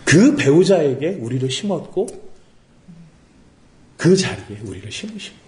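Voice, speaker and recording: A man's voice: a little high, sing-song, unhurried, darkish tone, echoey room. A man preaching a sermon as pastor, asking rhetorical questions and acting out quotes. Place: worship service room.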